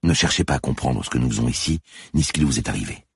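A man's voice: very deep voice, animated, quick pace, creaky, breathy edge, no echo, studio quality, heavily acted. A man voicing a firm woman police lieutenant who talks urgently and reassuringly.

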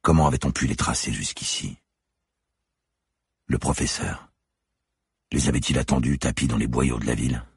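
Audiobook narrator: man, very deep and raspy, measured suspense reading, dry close sound. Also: steady tone, no room sound. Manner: measured, suspenseful, deliberate phrasing. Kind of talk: scripted narration.

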